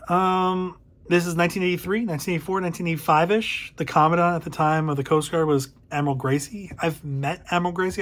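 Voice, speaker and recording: A middle-aged man hosting a casual spoken book review, thoughtful and a little hesitant, correcting himself as he goes. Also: fairly high pitch. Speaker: book reviewer, channel host.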